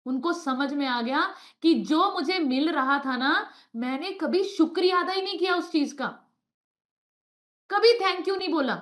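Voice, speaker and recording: A woman's voice: sits high, a little slow, fairly bright tone. A woman, a nutrition coach giving a motivational talk over a video call, telling stories with emphatic repetition.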